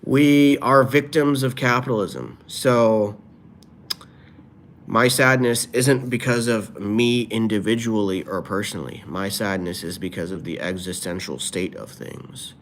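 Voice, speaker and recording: A man with a lowish voice talks a little slowly over a slight hiss or hum. Chatting casually on a live stream, he reads out viewer comments and playfully drops off-the-cuff rhymes.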